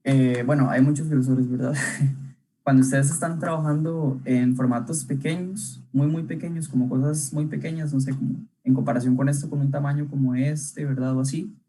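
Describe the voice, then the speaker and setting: A man's voice: mid-range voice, steady tone, normal speed, dark tone, a little hiss or hum, rough recording. A young man teaching an online illustration workshop, talking casually while he draws, with many fillers and checking questions. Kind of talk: live online drawing lesson.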